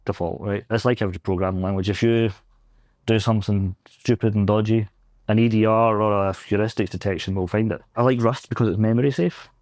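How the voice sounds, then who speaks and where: A young man from Scotland with a Glaswegian accent, a pentest engineer guest interviewed on a convention floor, rambles casually, laughs a lot and makes fun of himself. His lowish, darkish voice has fairly even intonation and runs a little fast, on a dry recording.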